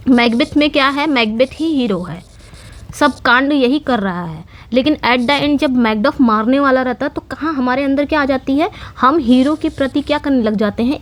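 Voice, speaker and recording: A woman gives an online literature lesson in a fairly high voice. She explains each term patiently, repeats key points, and poses questions she then answers herself. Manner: explanatory, repetitive, asks and answers own questions. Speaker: English literature teacher. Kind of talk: online lecture in Hindi mixed with English terms.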